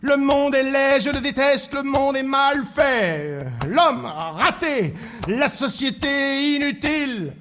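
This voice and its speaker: Casting: un homme jouant un râleur sombre, voix haute et geignarde, répétitive, conteur. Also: male voice, very high voice, lively intonation, slow pace, bright, forceful tone, voice pushed up, heavily acted. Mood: grumbling. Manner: whiny repetitive grumbling. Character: grumpy gloomy man, always complaining.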